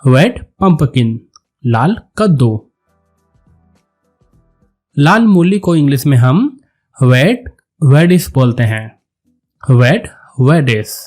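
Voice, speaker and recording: A man teaching a vocabulary lesson, saying each word and then repeating it slowly and deliberately. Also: mid-range voice, big pitch swings, a little mellow, soft background music. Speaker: English teacher.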